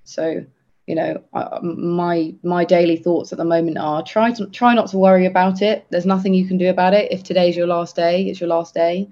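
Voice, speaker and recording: A man co-hosting a podcast, talking earnestly and haltingly with many restarts. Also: sits high, little pitch movement, darkish tone. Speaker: podcast co-host. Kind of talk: casual podcast chat. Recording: dull lo-fi sound.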